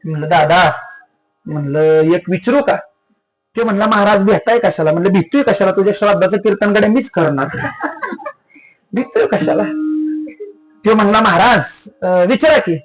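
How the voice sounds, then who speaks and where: A man's voice: moderate pace, pauses often, a little hiss or hum, rough recording. A man preaching a devotional kirtan sermon, telling stories and repeatedly questioning the crowd with rising, emphatic cries. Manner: repetitive call-and-response questioning of the audience, rising to high emphatic cries. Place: live village festival gathering.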